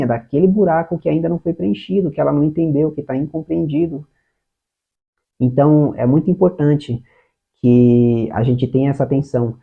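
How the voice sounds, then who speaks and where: A man's voice: medium pitch, creaky, breathy edge. A man with a Brazilian Portuguese accent giving an earnest explanatory talk on parenting, speaking straight to the viewer. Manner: earnest, addresses the viewer directly, acts out short quoted lines. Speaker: parenting educator. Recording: tinny phone-like sound.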